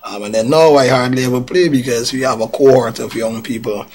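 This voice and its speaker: A man's voice: medium pitch, fairly even intonation, brisk, darkish tone. Chatty middle-aged man from Guyana. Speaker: rugby club president, studio guest. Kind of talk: live sports talk show guest.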